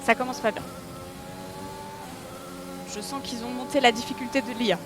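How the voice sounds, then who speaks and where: Excitable female streamer, self-mocking, talking to her chat, slightly high pitched, game engine roar in the mix. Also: moderate pace. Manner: excitable, talks to her audience, yelps and self-mocks. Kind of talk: live gameplay commentary. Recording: racing game engine noise behind.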